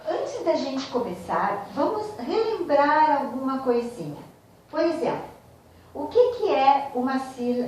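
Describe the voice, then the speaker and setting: A woman teacher, giving a slow, explanatory grammar lesson and speaking directly to her students. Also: fairly high pitch, darkish tone, recorded from a distance, slight background noise. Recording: very echoey room, voice from off mic.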